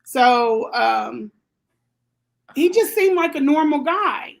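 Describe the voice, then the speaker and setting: A woman who grew up in Germany talks through a personal story as a guest in a casual interview. Her voice sits a little high. She rambles, circling back with fillers and restarts as she goes. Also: expressive, slow pace, creaky, a little hiss or hum.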